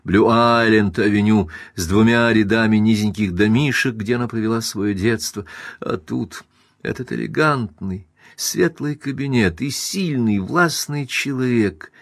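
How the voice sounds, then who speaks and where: A man reading a classic novel aloud as audiobook narrator, even and measured. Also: fairly low pitch, dry recording, clean studio sound. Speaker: audiobook reader.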